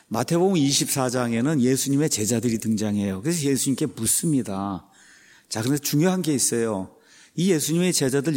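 A man's voice: medium pitch, a little mellow. A male pastor giving a sermon in a teaching tone, posing questions to his listeners and answering them himself.

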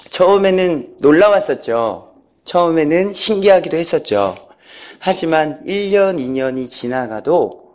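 A man giving a personal church testimony, storytelling with animation, acting out quotes and chuckling as he goes. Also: on the high side.

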